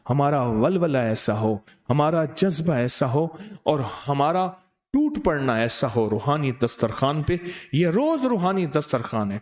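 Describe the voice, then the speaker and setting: A middle-aged man preaching at a dawn gathering, telling lively stories and slowing into chanted prayer. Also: a little high. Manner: storytelling, animated, breaks into slow recitation. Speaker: spiritual teacher. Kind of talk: devotional sermon with chanted prayer.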